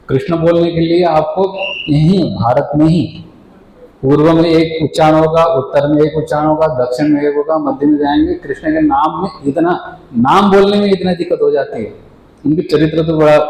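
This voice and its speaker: A man giving a devotional sermon as a spiritual teacher, explaining patiently, asking questions and answering them himself, and slowly drawing out chanted words. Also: fairly high pitch, warm tone. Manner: chants the divine name slowly and drawn out. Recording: echoey room with faint ambient noise.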